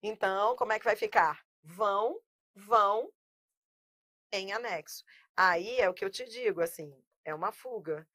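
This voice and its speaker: A Brazilian woman teaching a lively Portuguese grammar class, emphatic and drilling students with repeated examples. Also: mid-range voice, unhurried, dry recording, clean studio sound.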